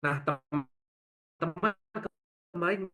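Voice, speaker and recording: A man's voice: a little high, takes it slowly, pushed and bright. A man, a career mentor, giving a casual webinar talk over a video call, his voice breaking up and cutting out through a bad connection. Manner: friendly, addresses listeners as "teman-teman", with many fillers. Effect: voice breaking up, cutting out and glitching over a bad online connection. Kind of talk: casual presentation to an online audience.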